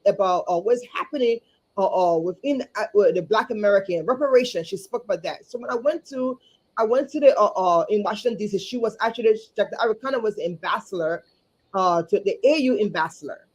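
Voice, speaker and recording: A woman from Liberia, speaking earnestly as a guest over a video call, often repeating words and pausing on fillers. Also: mid-range voice, expressive, darkish tone, husky. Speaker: guest, community advocate and chapter chair. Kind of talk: livestream interview.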